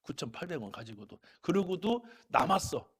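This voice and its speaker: A middle-aged man preaching a church sermon, telling folksy stories and swinging between loud calls to the congregation and quiet, chatty asides. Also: fairly high pitch, big pitch swings, moderate pace, slightly rough. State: a little unwell. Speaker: pastor.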